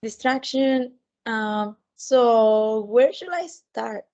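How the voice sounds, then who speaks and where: Higher-pitched woman with a sore, swollen throat. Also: extremely slow, mellow, lo-fi sound. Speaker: podcast co-host. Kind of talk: casual chat.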